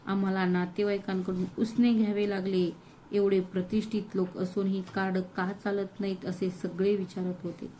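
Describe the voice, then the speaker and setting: A woman voicing a scornful, bitter older mother-in-law in an audio story, shrill and accusing. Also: little pitch movement, moderate pace, warm tone, a little hiss or hum, natural voice, low-quality recording.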